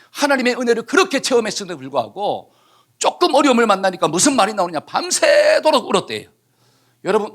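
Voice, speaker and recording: A man's voice: high-pitched, a bit bright, husky. A man preaching a sermon as pastor, asking the congregation questions and answering them himself. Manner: leads the congregation in reading scripture aloud.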